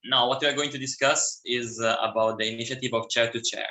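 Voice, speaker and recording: A man's voice: medium pitch, fairly even intonation, quick pace, sharp tone, echoey room, poor audio. A young man in his twenties from Italy with an Italian accent, a university student talking casually as an interview guest, hesitant with many fillers and restarts.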